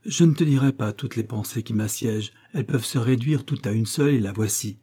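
An earnest young wife pours out a tender, moralizing letter, read by a man. The voice is dark and mellow with a husky grain, steady and solemn. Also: mid-range voice, fairly quick, close to an everyday voice.

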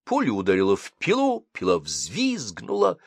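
A man reading a comic story aloud as an expressive audiobook narrator. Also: mid-range voice, moderate pace, vocal fry, breathy edge, no echo, studio quality.

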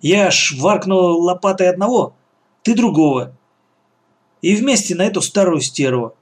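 Daring storybook boy, hushed and plotting, read by a man. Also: sits high, animated, a little slow, pitched above the performer's own voice. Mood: conspiring. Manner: whispering, conspiratorial. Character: bold scheming boy, whispering.

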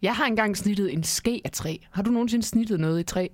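A woman co-host chats casually, curious and friendly, asking questions at a mid pitch. The sound is dry and close. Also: darkish tone, dry recording. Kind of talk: casual chat.

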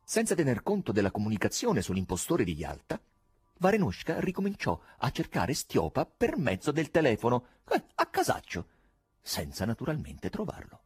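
A man reading a novel aloud as an audiobook narrator, in an expressive, theatrical manner. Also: mid-range voice, moderate pace, husky, no room sound, studio quality, soft background music. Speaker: audiobook reader. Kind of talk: scripted literary narration.

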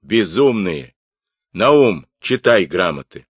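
A man's voice: deep voice, lively intonation, unhurried, a bit bright, dry recording, heavily acted. A man doing a furious Cossack chieftain. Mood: commanding.

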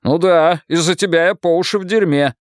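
A man's voice: on the high side, fairly quick, dry recording, studio quality, voice pushed up, lightly acted. A male reader voicing an irritable, debt-ridden middle-aged man who snaps and then turns guarded. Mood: irritated. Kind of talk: audiobook character voice.

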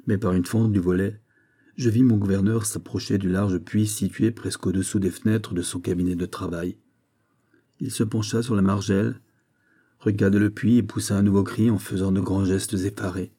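A man reading a novel aloud as an audiobook narrator, measured and even. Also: lowish voice. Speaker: audiobook reader.

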